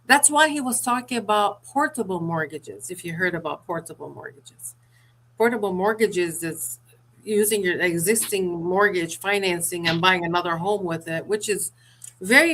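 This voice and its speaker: Bright-voiced woman explaining mortgages. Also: mid-range voice. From Sierra Leone. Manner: businesslike, explaining with restarts. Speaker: author and mortgage broker. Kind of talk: interview answers.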